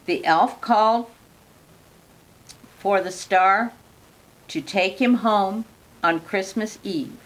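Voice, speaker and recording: An older woman reads a children's picture book aloud at an unhurried pace. Her voice sits at a middle pitch, and she pauses now and then for gentle asides to the young listener. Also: poor audio. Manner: slow, gentle reading with warm asides to the listener. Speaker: storyteller.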